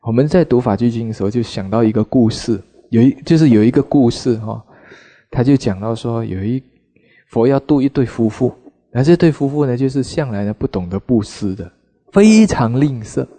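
A male Buddhist teacher retells a scripture story in his sermon. He tells it in an animated way, scattering filler particles as he goes. His voice has a mellow, soft tone at a middle pitch. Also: a little fast.

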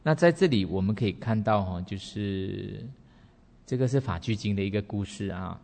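A man tells a Buddhist teaching story at a relaxed, unhurried pace. He trails his phrases with soft particles. His voice sits low, and a long hall reverb hangs behind it. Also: vocal fry. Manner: relaxed, unhurried, with many sentence-final particles. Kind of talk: storytelling dharma talk.

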